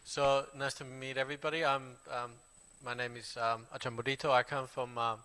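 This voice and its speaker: A man in his forties from Finland with a Finnish accent, a Buddhist monk casually introducing himself in halting English full of fillers and restarts. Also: medium pitch, flat delivery, sharp tone, clear, resonant tone. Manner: halting, many fillers and restarts, plain friendly telling. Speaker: Buddhist monk giving a talk. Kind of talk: casual spoken self-introduction.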